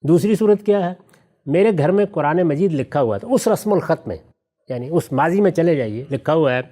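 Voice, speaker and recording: A man, a religious scholar, explaining a subject step by step in a measured, teacherly way and reciting verses slowly as examples. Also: fairly high pitch, animated, warm tone. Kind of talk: explanatory discussion answering questions.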